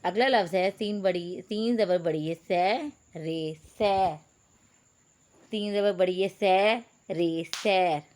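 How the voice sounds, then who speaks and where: A woman's voice: lowish voice, slow pace, a little mellow. Patient woman teacher spelling out letters. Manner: addresses pupils as beta. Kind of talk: online reading lesson for young pupils.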